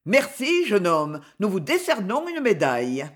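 A storyteller voicing a fussy gentleman with a cane who shouts orders to the swimmer. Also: mid-range voice, wildly swooping pitch, measured pace. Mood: jubilant. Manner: loud, commanding, exclamatory.

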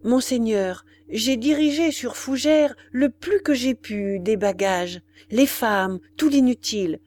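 A woman's voice: on the high side, slow, a little mellow. Brief: woman narrator playing a flustered rebel underling reporting urgently to his chief, audiobook. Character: anxious male peasant rebel officer. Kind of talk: audiobook character voice.

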